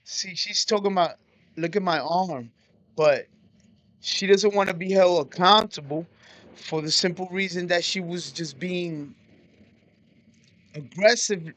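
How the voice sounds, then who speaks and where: A man's voice: sits high, a little slow, pauses often, fairly bright tone. A man hosting a reaction video, giving blunt, profane, matter-of-fact commentary.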